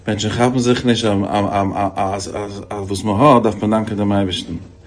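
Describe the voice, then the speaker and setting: A man's voice: fairly low pitch, normal speed. A man, a rabbi, giving a storytelling sermon on faith, restarting phrases often and jumping his voice up for quoted people. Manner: animated, many repeated restarts, voice jumps up for quoted lines.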